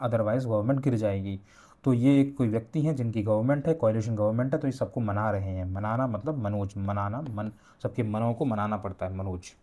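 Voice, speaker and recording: A young man runs an exam revision lesson with memory tricks. He speaks at a mid pitch in a mellow, relaxed tone. He goes slowly, repeating key words and drawing out each book title. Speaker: exam coaching teacher.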